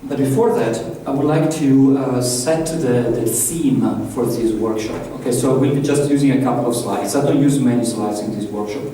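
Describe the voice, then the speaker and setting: The speaker, an Italian workshop trainer with an Italian accent, gives a loose, conversational live talk and quizzes those present. His warm, mid-range voice moves at normal speed with hardly any pauses. The large conference room echoes, and the far-off recording carries a faint hiss.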